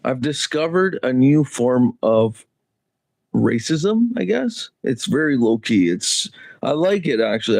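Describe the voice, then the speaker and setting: A man's voice: mid-range voice, a little mellow, dry recording. A man hosting a casual solo livestream, rambling loosely with chuckles and the odd swear word. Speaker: livestream host. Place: Canada.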